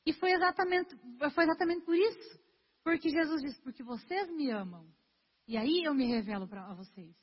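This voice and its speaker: A woman's voice: high-pitched, expressive, moderate pace. A young woman giving a sermon in an earnest, conversational way, talking straight to her congregation. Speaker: preacher. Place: church hall. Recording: dull lo-fi sound with long hall reverb.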